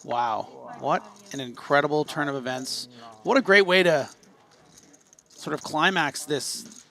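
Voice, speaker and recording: A male poker commentator with a slightly raised, lively voice. He talks the action through in a chatty way and breaks into excited yelps when a hand turns. He is calling play live from a commentary booth. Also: on the high side, measured pace, gravelly.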